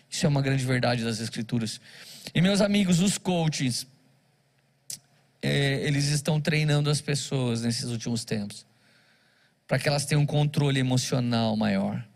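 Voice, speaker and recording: A man, a pastor, preaching a sermon, telling stories and acting out the dialogue. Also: on the high side. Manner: storytelling with acted-out dialogue.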